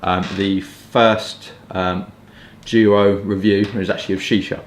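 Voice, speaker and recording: Slightly slow and flat, the deep voice belongs to a twenty-something man from southeast England who reviews pipes and cigars. He chats casually, wandering into hedging asides, in a small furnished room at home; the recording has echo and some background noise.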